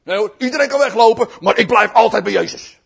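A man playing a boastful, stubborn fisherman apostle who talks loudly and indignantly in a sermon story. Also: very high-pitched, big pitch swings, rapid-fire, voice pushed up.

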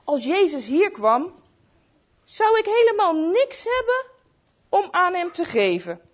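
A woman's voice: very high-pitched, big pitch swings, slow pace, pitched above the performer's own voice, exaggerated voice. A woman voicing a kindly, lonely old male shoemaker in a storybook, sighing and mumbling. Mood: wistful.

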